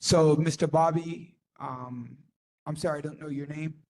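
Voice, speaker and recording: A man chairing a community board meeting, halting and full of ums as he calls people forward and runs a vote. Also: a little high, steady tone, darkish tone. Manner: halting, many ums and restarts.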